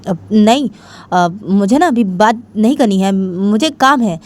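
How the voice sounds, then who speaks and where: A woman voicing a young woman lover who hushes and explains at length in a soothing way. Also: mid-range voice, lively intonation, unhurried, voice pushed up, close to an everyday voice.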